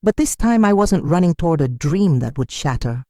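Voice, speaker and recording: Mellow, dry-voiced woman narrating a story. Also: low-pitched, expressive, normal speed, no echo. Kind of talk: scripted first-person narration.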